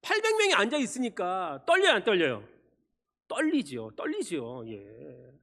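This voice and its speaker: A male pastor preaching a Sunday sermon, firing rhetorical questions at the congregation and swinging between loud emphasis and quiet asides. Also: high-pitched, huge pitch swings, normal speed. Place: church sanctuary. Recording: long church reverb.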